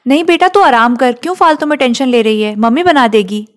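A woman voicing a loving middle-aged father who talks softly and brushes off worry with affection. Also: high voice, a little fast, close to an everyday voice. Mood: tender.

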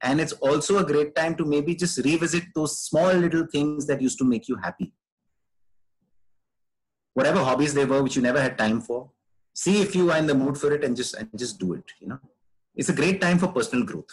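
A man's voice: a little high, a little fast, poor audio. A man speaking as a podcast guest, giving earnest, conversational advice and repeating phrases for emphasis.

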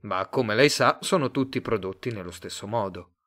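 A man reading a story aloud, voicing a cold, bland male agency director who speaks calmly and condescendingly. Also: moderate pace, close to an everyday voice. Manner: calm, low, coolly condescending.

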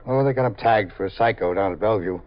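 In a muffled 1950s radio drama recording, a man with an American accent voices a weary detective lieutenant, wry and amused, easygoing, deferential and full of anecdotes. He talks fast in a lowish voice, only lightly acted.

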